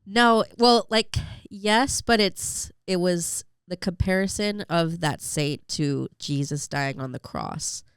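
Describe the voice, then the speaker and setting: A woman's voice: lowish voice, slow pace, hardly any pauses, clear, resonant tone, no room sound, clean studio sound. A young woman telling a heartfelt personal story as a podcast guest, with lots of "like" and fillers. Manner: emotional storytelling with many fillers. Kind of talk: personal faith story in an interview.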